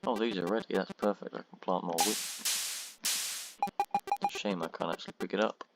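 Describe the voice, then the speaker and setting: A man with a monotone voice giving rambling, self-deprecating commentary on his own gameplay, full of ums. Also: low-pitched, normal speed, loud music behind the voice, poor audio. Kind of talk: casual let's-play commentary. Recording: loud background noise and keyboard clicks.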